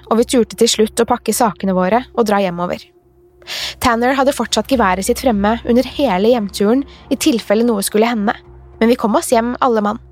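A woman narrates a scripted horror story in the first person, calm and measured. Her voice sits somewhat high, with faint music playing beneath her studio-clean reading. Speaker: podcast narrator.

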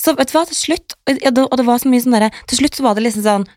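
A woman's voice: on the high side, a little mellow, dry recording, studio quality. Chatty woman sprinkling in English phrases. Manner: chatty, mixes in English phrases, acts out quotes. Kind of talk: casual chat.

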